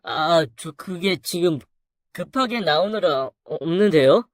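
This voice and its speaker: A storyteller voicing a lying husband who turns defensive and crude, lower than the narration's wife lines. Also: lively intonation, slow pace, no room sound, clean studio sound. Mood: evasive.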